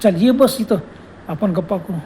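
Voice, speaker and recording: A man's voice: sits high, moderate pace, dark tone, slight background noise, close to an everyday voice. A man voicing a teasing female ghost who calls out and coaxes a frightened man to sit and chat. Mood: coaxing. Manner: coaxing, wheedling calls. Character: teasing female ghost, coaxing, cheerful and eerie.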